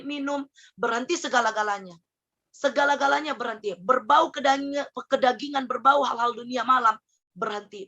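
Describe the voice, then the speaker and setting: A woman's voice: fairly high pitch, pushed and bright. A young woman giving an earnest personal testimony, telling her story with many fillers and restarts. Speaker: testimony speaker.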